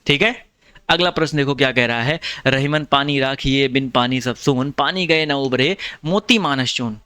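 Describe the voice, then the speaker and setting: A man's voice: mid-range voice, moderate pace, bright, forceful tone, clean tone, no room sound. A man teaching an exam-prep lesson with an eastern Uttar Pradesh or Bihar Hindi accent, explaining patiently, repeating points and calling his students brother.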